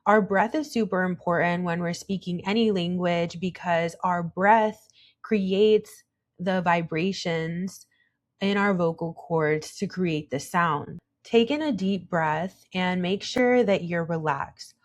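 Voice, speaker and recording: A young adult woman teaching Spanish pronunciation, patient and encouraging, modelling each sound slowly. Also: fairly low pitch. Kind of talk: slow, calm pronunciation tutorial.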